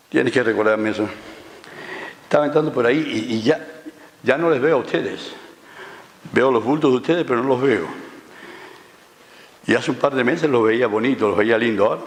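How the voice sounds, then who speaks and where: A man preaching a sermon, telling the story and asking the congregation questions. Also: medium pitch. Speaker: pastor. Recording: reverberant church hall.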